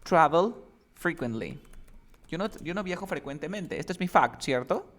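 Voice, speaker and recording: A male English teacher giving one-on-one feedback on a student's speaking. His voice sits slightly high for a man. He is patient and methodical, often pausing to check understanding. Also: lively intonation, a bit bright.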